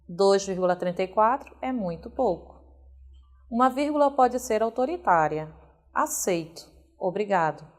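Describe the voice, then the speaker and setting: A woman teacher with a Brazilian Portuguese accent, giving a recorded video lesson and reading example sentences slowly with careful emphasis. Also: mid-range voice.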